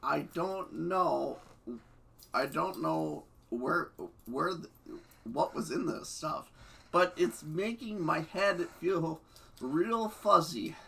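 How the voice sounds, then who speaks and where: A man's voice: fairly high pitch, takes it slowly, gravelly, a bit bright, husky, heavily acted. A man reading the lines of a tipsy male echidna at a party, stuttering and breaking into laughs.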